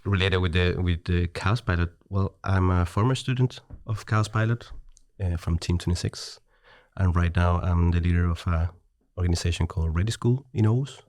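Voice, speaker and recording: A middle-aged Chilean man with a Chilean Spanish accent speaks in a low, slightly mellow voice at normal speed, with no echo. He's a podcast guest in casual conversation, hesitant, restarting often and laughing easily.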